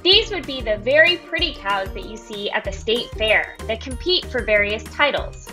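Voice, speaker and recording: A woman's voice: fairly high pitch, lively intonation, moderate pace, bright, forceful tone, soft background music. A woman reading an upbeat, scripted educational narration.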